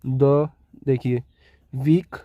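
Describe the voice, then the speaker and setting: A man with a Hindi accent teaches an English grammar lesson step by step, speaking at a medium pitch with fairly even intonation and drawn-out words. He repeats key words and keeps checking in with listeners by saying "ठीक है". The recording has no echo and the highs are cut off.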